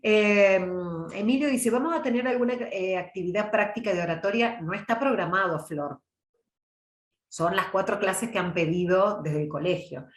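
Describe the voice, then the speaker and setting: In a reverberant space, a middle-aged woman from Córdoba with a mild Argentine accent speaks at a moderate pace in a medium-pitched voice. Her online public speaking class feels like a casual lecture: she's chatty and warm, and she answers chat questions by addressing people by name.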